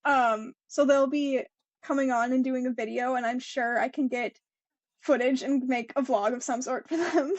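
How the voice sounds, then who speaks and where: High-voiced chatty young woman. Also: fairly even intonation, moderate pace, lo-fi sound. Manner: chatty, laughs often, reads quotes aloud. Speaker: podcast co-host. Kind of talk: casual chat about motor racing.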